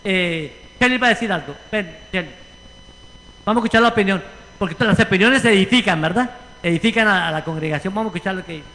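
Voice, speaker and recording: High bright-voiced preaching pastor. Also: male voice, fast talker. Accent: Puerto Rican Spanish. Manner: animated preaching, acting out quoted voices. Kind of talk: sermon with congregation discussion. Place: church sanctuary. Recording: church hall reverb.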